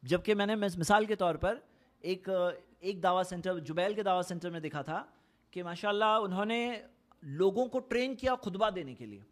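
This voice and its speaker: Speaking at a normal speed in a high voice, the Indian Islamic speaker delivers an explanatory religious talk in Saudi Arabia. His tone is earnest yet conversational, and he goes back over points to stress them.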